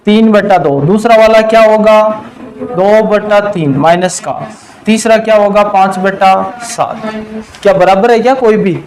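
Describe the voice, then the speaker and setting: High-voiced man teaching math, quizzing. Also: a little mellow, slight background noise, low-quality recording. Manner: quizzing, asks students questions and answers them himself; slows to a drawn-out pace on key terms. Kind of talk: classroom math lesson.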